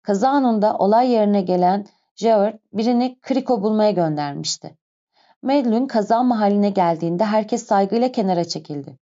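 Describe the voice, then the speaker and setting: A woman narrating an audiobook in a calm, even storytelling manner. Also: mid-range voice, moderate pace. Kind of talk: scripted narration. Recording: dull lo-fi recording.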